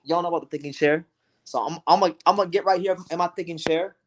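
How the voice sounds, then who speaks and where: A young man from South Florida hosting a casual livestream, talking in an animated way with lots of restarts and swearing. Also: a little high, quick pace. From South Florida, USA. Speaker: livestream host. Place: home, sitting on a beanbag chair.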